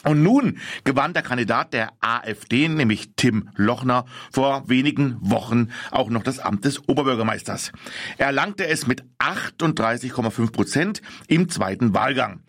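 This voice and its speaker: A man's voice: mid-range voice, lively intonation, moderate pace, fairly bright tone, no echo. Radio host, man, dry studio sound, scripted intro then short questions. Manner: reads a prepared intro, then asks short questions with frequent mhm's.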